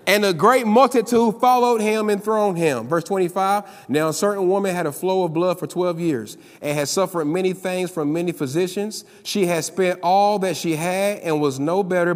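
A man preaching a sermon as pastor, calling on the congregation to answer back and building up to loud, emphatic peaks. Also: high-pitched, long reverb tail.

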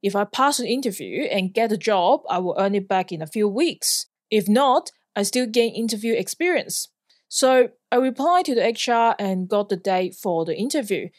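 Speaking with lively intonation at a moderate pace, a medium-pitched woman tells a personal story with earnest, plain wording and the odd light laugh. She's a Hong Kong podcast host in her thirties who also instructs flying, and the studio recording is clean without echo.

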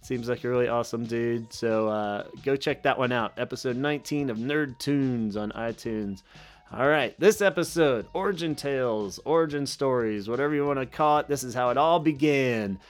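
A man's voice: medium pitch, normal speed. A man hosting a podcast, talking loosely and casually with plenty of fillers. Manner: loose and rambling, many fillers. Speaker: podcast host.

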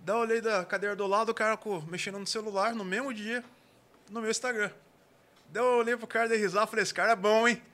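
A man's voice: sits high, fast. A man with a caipira Brazilian Portuguese accent from interior São Paulo, telling stories casually in slang and acting out dialogue. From interior São Paulo state, Brazil. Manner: animated, slangy, acts out dialogue. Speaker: guest, barbecue cook and gastronomy consultant. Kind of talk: casual storytelling.

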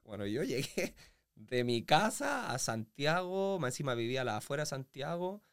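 Gravelly Chilean man telling stories. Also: medium pitch, moderate pace, no room sound, studio quality. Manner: animated storyteller with sound effects and acted-out quotes. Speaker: guest, professional footballer. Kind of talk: casual interview storytelling.

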